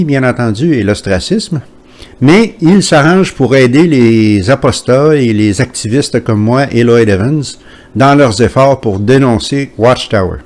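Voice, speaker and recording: A man from Quebec hosting his channel from home, talking to camera in a hesitant way with many pauses. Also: mid-range voice, a little mellow. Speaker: channel host. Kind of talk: casual commentary to camera.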